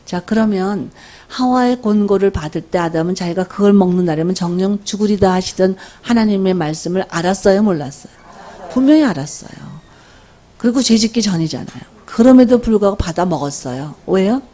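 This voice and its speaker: An older woman giving a faith-based lecture, telling stories from her family life and asking the audience questions in an animated way. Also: medium pitch, fairly quick. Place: workshop lecture room.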